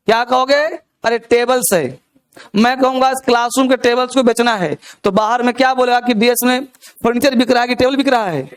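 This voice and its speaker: Teacher in a classroom, man with a very high, smooth, clear voice who keeps quizzing his students. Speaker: English grammar teacher. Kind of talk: live classroom lecture.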